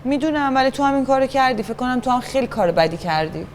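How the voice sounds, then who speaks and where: A woman's voice: high-pitched, expressive, a little hiss or hum. A woman playing a stubborn, unapologetic brother who teases and argues back in an improvised acting scene. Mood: defiant. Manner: taunting, stubborn back-and-forth. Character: defiant teasing brother, unapologetic.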